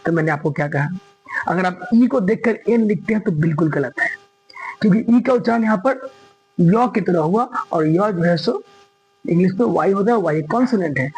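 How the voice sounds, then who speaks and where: A male teacher explains grammar in a very high, husky voice. He talks emphatically, repeats his main points and keeps checking that his students follow. The recording has a thin, lo-fi radio-like sound. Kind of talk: classroom lesson explaining grammar.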